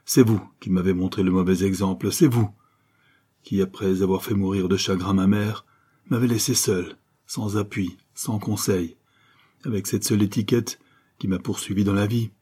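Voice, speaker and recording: A man's voice: lowish voice, steady tone, moderate pace, mellow. A man doing a grieving old ex-convict father. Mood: bitter sorrow. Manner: hoarse, breathless, emotional pleading.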